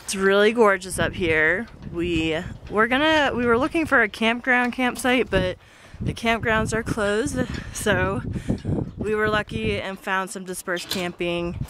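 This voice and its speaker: A woman's voice: medium pitch, a little slow, background noise. A woman in her thirties talking casually and cheerfully to a handheld camera while vlogging a camping trip. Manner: chatty, upbeat, laughs easily. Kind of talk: casual travel vlog. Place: outdoors at a campsite, in a car and a restaurant. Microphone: handheld camera at arm's length.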